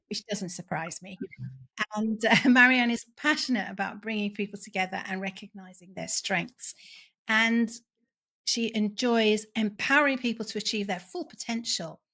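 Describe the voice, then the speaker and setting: A woman's voice: a little high, a bit bright. A woman hosting a podcast interview, chatty and enthusiastic, with a self-deprecating humour. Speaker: podcast host.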